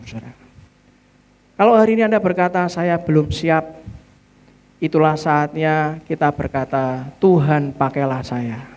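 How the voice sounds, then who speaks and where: A man with a Javanese accent preaching a sermon as pastor, animated, calling on the congregation and acting out little dialogues. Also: a little high. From Central Java. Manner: animated preaching with audience call-and-response; acts out dialogue with shifting voices.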